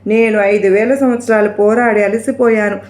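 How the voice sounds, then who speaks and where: A woman voicing a calm, dignified male god who reasons and pleads, recorded in an echoey room. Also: mid-range voice, normal speed, natural voice. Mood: measured.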